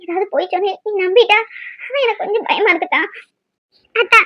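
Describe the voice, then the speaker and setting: A woman's voice: very high voice, animated, fast, dry recording, lo-fi sound. A woman voicing a frightened young wife in a cartoon, pleading and scolding by turns. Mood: fearful. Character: frightened young wife, tearful and sharp-tongued. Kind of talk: cartoon voice acting.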